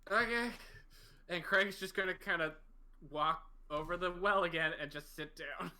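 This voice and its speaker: A man's voice: high-pitched, normal speed, bright, forceful tone. A man chatting casually and jokingly as a player at a tabletop game.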